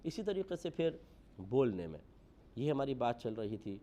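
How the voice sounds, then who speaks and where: A man delivering a religious lecture, earnest and moralizing, his voice rising for emphasis and then dropping low. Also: very animated, mellow. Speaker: preacher.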